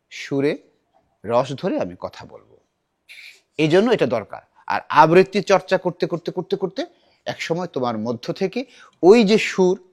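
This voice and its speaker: A middle-aged man teaching a children's recitation class, animated and asking the class many questions. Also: a little high.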